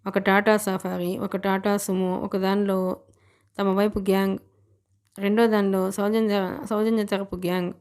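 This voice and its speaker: A woman's voice: mid-range voice, flat delivery, a little slow, darkish tone, smooth. Woman narrating an audiobook. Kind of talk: scripted narration.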